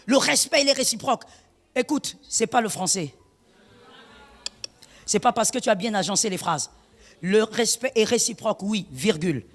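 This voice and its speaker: A woman pastor, preaching an emphatic sermon full of rhetorical questions, slipping in Lingala phrases and shouting at the high points. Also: expressive, moderate pace, pauses often, long reverb tail.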